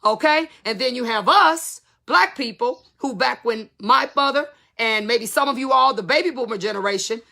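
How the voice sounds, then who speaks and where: A woman's voice: a little high, moderate pace, gravelly, hardly any pauses, sharp tone. A woman in her fifties, a salon business educator, talking candidly and emphatically to her viewers in casual slang. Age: 50s.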